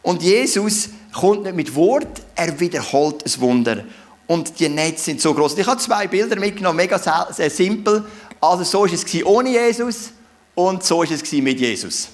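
A man with a Swiss German accent delivers a sermon as a chatty retelling. His voice sits a little higher than most men's, and he keeps checking in with the listeners through rhetorical questions. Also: animated, moderate pace. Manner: conversational storytelling with rhetorical questions. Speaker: preacher.

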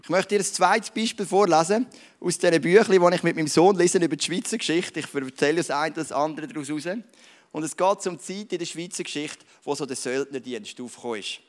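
Man, preacher, sermon, storytelling, direct address, slightly high voice. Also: fast talker.

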